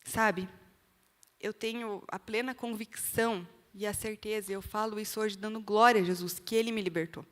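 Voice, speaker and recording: A woman's voice: medium pitch, steady tone, moderate pace. A woman with a Brazilian accent giving an earnest church testimony in sermon style, speaking straight to the listeners. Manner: earnest, direct appeals to the listener. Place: church hall. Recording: long reverb of a church hall.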